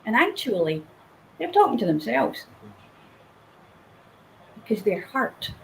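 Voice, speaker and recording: A woman's voice: on the high side, sing-song, slow, gravelly, a little hiss or hum, low-quality recording. A woman speaking earnestly and emphatically in a motivational conversation, sometimes acting out the inner voices she describes. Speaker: guest speaker.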